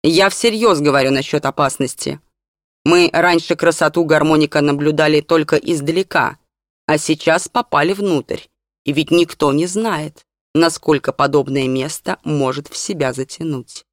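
Reader voicing a young male teacher, earnest, measured, mid pitch, dry sound. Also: no echo, natural voice.

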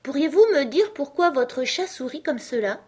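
A woman's voice: high-pitched, expressive, normal speed, voice pushed up. A woman voicing a polite, timid young girl in a storybook reading, earnest and a little anxious.

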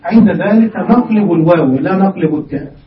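A man teaching an Arabic grammar lesson, speaking slowly and deliberately and spelling out word forms step by step. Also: high voice, animated, far from the mic, slight background noise. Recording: muffled, echoey classroom recorded from afar.

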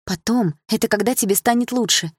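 A woman voicing a worried mother who talks softly and pleads patiently with her daughter. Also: on the high side, fast, breathy edge, dry recording, clean studio sound, voice pushed up. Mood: soft pleading. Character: worried mother, gentle and defensive.

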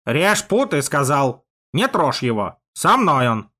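Gruff old bearded priest, folksy, bossy, barks orders and sounds a bit set back from the mic , as a narrator puts him on. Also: male voice, a little high, big pitch swings, slow pace, bright, forceful tone, exaggerated voice. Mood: commanding. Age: older. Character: old bearded man, former balalaika player turned priest, commanding.

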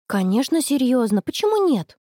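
Storybook teen girl, dreamy and stubborn, read by a woman; soft, dry, close delivery. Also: sits high, sing-song, moderate pace, no room sound, voice pushed up. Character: dreamy stubborn schoolgirl in love, teenage.

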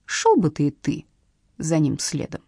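A woman's voice: low-pitched, wildly swooping pitch, vocal fry, dark tone, husky, dry recording, studio quality, pitched below the performer's own voice, heavily acted. A woman voicing an indignant, tired heroine who flares up easily. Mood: exasperated. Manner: exasperated, quick to flare up.

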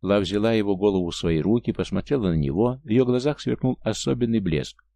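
A man reading a novel aloud as an audiobook narrator, measured and even, close to the mic. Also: on the low side, vocal fry, no echo. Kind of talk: scripted narration.

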